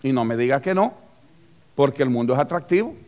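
A man preaching a lively sermon in church as pastor, acting out little scenes and asking the congregation questions. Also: medium pitch, a little fast. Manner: animated, acts out scenes and voices, asks the congregation questions.

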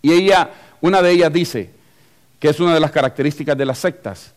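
A man preaching a sermon, emphatic, repeating key phrases and swinging between loud declarations and hushed asides. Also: on the high side, a little fast.

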